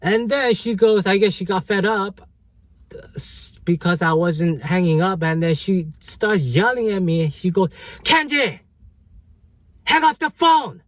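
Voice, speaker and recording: A man's voice: high voice, a little slow, no room sound. A man casually telling a story from an old job to his viewers, full of fillers, restarts and "right?". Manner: rambling, many fillers and restarts. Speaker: vlogger.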